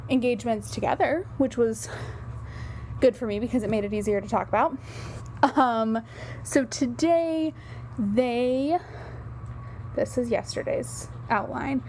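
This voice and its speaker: Woman host, relaxed chatty commentary with lots of filler, slightly high voice, faint hiss behind. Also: unhurried, pauses often. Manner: chatty, rambling, frequent ums. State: a little out of breath. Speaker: royal news commentator. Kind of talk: casual solo commentary.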